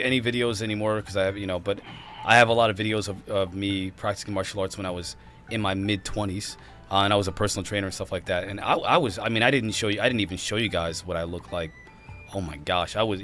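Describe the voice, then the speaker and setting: Fast-talking excitable male podcast host. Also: lowish voice, faint music behind. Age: 30s. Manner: excitable, quick exclamations. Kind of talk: casual chat.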